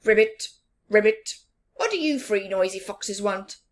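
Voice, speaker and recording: A woman voicing a friendly, obliging frog in a children's storybook, with croaking interjections. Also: medium pitch, lively intonation, measured pace, lightly acted. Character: friendly frog, obliging, ribbiting between phrases.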